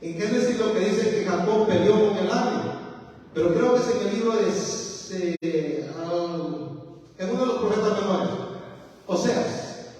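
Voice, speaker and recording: A man's voice: high voice, measured pace, darkish tone. A man preaching as pastor, delivering a fervent sermon and tossing rhetorical questions to his congregation. He is recorded in a church. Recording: echoey church hall from far off.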